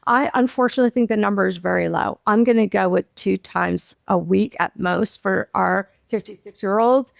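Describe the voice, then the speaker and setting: A woman's voice: medium pitch, normal speed, gravelly, few pauses, dry recording. Woman, podcast co-host, casual chat, laughs a lot, dry close sound. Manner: giggly, animated, laughs often.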